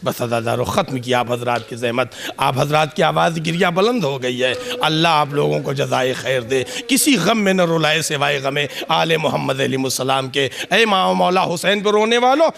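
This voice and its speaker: Gravelly high-voiced preacher guy, chanting a sad majlis sermon. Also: moderate pace, few pauses, a bit bright. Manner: emotional chanted lament, rising to wailing cries, then low murmured prayer. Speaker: Shia cleric reciting a majlis. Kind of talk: Muharram majlis sermon with lament and supplication. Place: mosque or hall in London.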